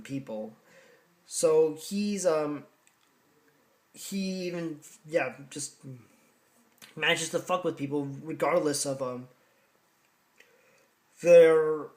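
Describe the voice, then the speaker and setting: A man giving a casual film review, rambling and halting with many fillers, restarts and casual swearing. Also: mid-range voice. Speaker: horror film vlogger.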